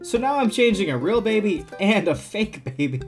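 Lively man reading game dialogue. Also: sits high, moderate pace. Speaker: gameplay video host. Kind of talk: reading a dating-sim script aloud. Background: game music.

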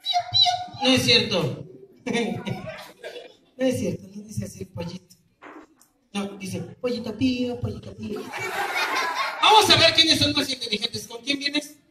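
A man with a Mexican accent performing as a street clown, teasing and calling loudly to an outdoor crowd. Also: very high-pitched, a little slow, long pauses. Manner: loud, teasing, calling out to the audience. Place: outdoor public square. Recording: echoey, distant and noisy.

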